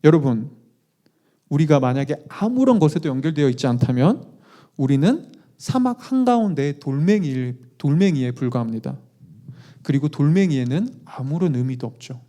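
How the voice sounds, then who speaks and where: A male pastor delivers a conversational sermon with an animated, questioning manner and light self-deprecating asides. His voice sits somewhat high for a man yet sounds mellow and dark. The pitch moves widely from phrase to phrase. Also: normal speed.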